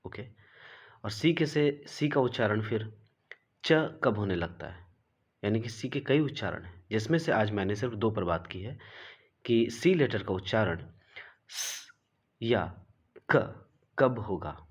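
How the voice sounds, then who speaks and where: A man gives an unhurried pronunciation lesson in a low, husky voice. He spells out each word letter by letter, says it twice, and checks in with "right?" before going on. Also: expressive. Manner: spells words letter by letter and repeats them, asks "right?". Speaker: English pronunciation teacher. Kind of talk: classroom lesson, explaining rules slowly.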